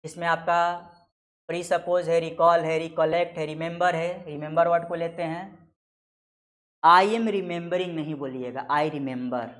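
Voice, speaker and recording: A man giving a grammar lesson, explaining slowly, repeating key words and reading out example sentences word by word. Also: on the high side, steady tone. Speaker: grammar teacher. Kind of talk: classroom lecture.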